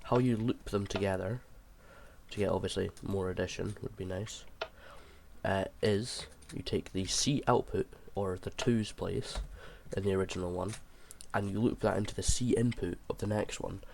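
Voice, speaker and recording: A man with a low, creaky voice who sounds under the weather talks through a game tutorial informally, working it out hesitantly as he goes. Background noise and keyboard clicks sit behind him. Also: fairly even intonation, normal speed, darkish tone. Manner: hesitant, thinking aloud as he explains. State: sick, sounding unwell. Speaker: video creator explaining a game build. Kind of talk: informal tutorial commentary over gameplay.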